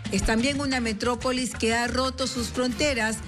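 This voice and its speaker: News voice-over, a woman with a slightly high voice, measured read, music bed underneath. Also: steady tone. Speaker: news reporter. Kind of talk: scripted news narration.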